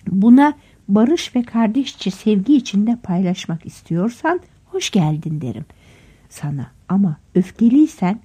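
A woman's voice: fairly high pitch, dark tone, slightly rough. A woman voicing a solemn, commanding male god.

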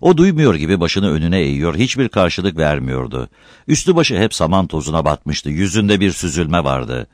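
A man reading a novel aloud in a measured storytelling voice. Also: sits low, sing-song, darkish tone, no room sound, clean studio sound. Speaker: audiobook narrator. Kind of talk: scripted narration.

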